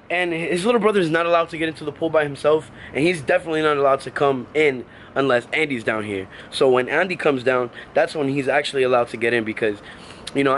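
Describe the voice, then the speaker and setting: With music blaring over him, a young man with a fairly high-pitched voice records a laid-back vlog next to a backyard pool. A prank vlogger by trade, he rambles, loops back over the same points and leans heavily on fillers. A faint hiss or hum sits under the audio.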